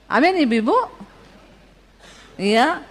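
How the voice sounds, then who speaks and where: A woman preaches a sermon in a high-pitched voice at a slow pace. She tells stories full of lively quoted voices and calls on her congregation for an amen.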